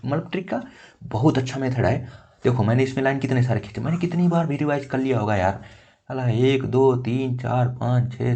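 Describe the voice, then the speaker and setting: A young man coaching for exams, with a voice of average pitch. He talks casually and keeps checking with "okay". He counts pages out loud as he shows his notes. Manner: conversational, repeats "theek" often, counts pages aloud. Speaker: exam coach. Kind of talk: casual tutorial, showing notes.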